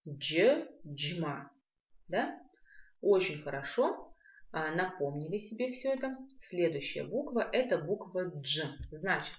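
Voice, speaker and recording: A woman teaching a language lesson, patiently repeating sounds slowly and clearly. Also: fairly low pitch. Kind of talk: video lesson on pronunciation. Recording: echoey room, dull lo-fi sound.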